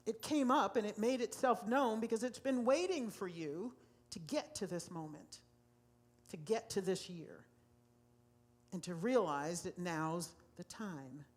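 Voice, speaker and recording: A woman's voice: medium pitch, expressive, a little slow, darkish tone. A woman pastor preaching a sermon to a congregation in a church, emphatic and given to repeating key phrases. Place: church sanctuary.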